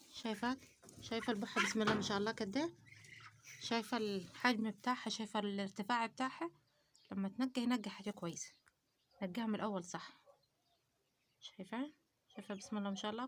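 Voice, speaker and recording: Speaking very fast at a medium pitch but with long pauses, a poultry-keeping channel host from Upper Egypt, with an Upper Egyptian Arabic accent, addresses viewers directly in a casual home vlog, handing out advice and frequent pious phrases.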